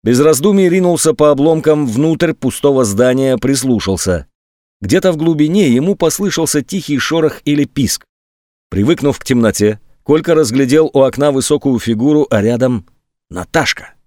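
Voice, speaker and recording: A man reads a dramatic audiobook in a measured, tense storytelling manner. His voice sits at an ordinary pitch. The recording is dry and close. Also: expressive, warm tone, no room sound. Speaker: audiobook narrator. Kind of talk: dramatic literary narration.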